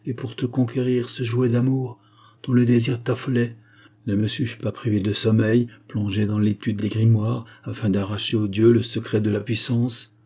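A man voicing a devoted aging scribe, earnest, reproachful, mellow, breathy, audiobook tale. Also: mid-range voice, level tone, normal speed, lightly acted. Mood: pleading.

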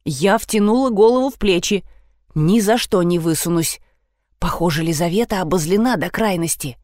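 A woman reading a humorous first-person novel aloud in a wry, animated manner. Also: on the low side, moderate pace, no room sound, clean studio sound. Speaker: audiobook narrator. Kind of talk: expressive narration of an ironic novel.

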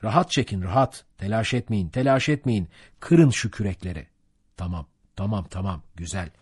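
A man's voice: lowish voice, animated, moderate pace, darkish tone, husky, dry recording. A man voicing a jovial boat mate who coaxes and preaches at his rowers to pull harder. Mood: rousing. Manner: coaxing, preachy, rousing.

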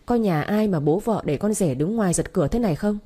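A woman voicing an angry, bullying young husband who shouts and sneers in an audio story. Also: mid-range voice, animated, a little fast, husky.

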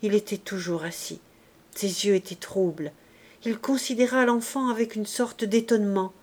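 A woman narrating a classic novel as an audiobook in a measured, expressive reading. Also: medium pitch. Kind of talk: slow literary audiobook narration.

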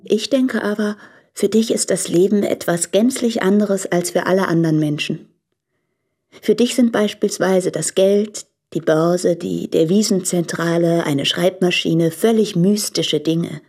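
A woman's voice: fairly low pitch, unhurried, mellow. An actress playing a married woman in a radio play, torn between her husband and a lover, speaking earnestly and pleadingly.

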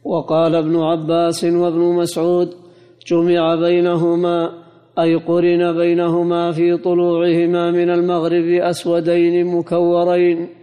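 A man reading a classical commentary aloud in a monotone, chanting recitation for a teacher. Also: sits high, a little slow, big-room sound. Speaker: student reading the text aloud.

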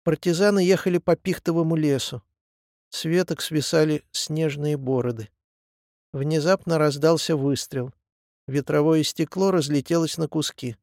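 A man narrating a book in an even, measured reading. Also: a little high, no room sound, clean studio sound. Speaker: audiobook narrator. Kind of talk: scripted narration.

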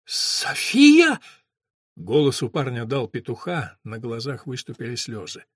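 A man's voice: mid-range voice, moderate pace, husky, dry recording, studio quality. A man narrating a tense horror audiobook with dramatic storytelling.

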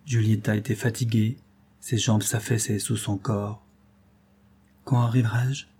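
Homme à la voix voilée et sombre. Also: male voice, lowish voice, flat delivery, normal speed, darkish tone, slightly rough. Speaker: audiobook reader. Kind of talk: scripted narration of a classic tale.

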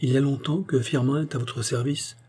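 A man reading the part of a shrewd, brisk male detective in an audiobook. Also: mid-range voice, fairly even intonation, a little mellow, husky, pitched above the performer's own voice, lightly acted. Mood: assured. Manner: brisk and assured.

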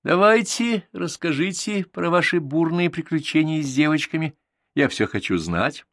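A man's voice: a little high, animated, normal speed, dry recording, studio quality, voice pushed up. A man voicing a bossy, mocking young girl who wears glasses. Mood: playful. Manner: mocking, sharp-tongued.

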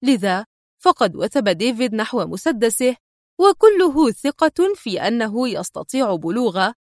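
A woman narrating a novel aloud in a steady, expressive reading. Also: fairly high pitch, normal speed, no room sound. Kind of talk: audiobook narration. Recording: dry close recording.

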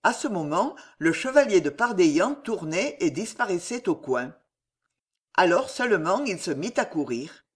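Dramatic audiobook reader, lively swoopy voice, middle pitch. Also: moderate pace, breathy edge. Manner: expressive, dramatic reading. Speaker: audiobook narrator. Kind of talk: scripted narration.

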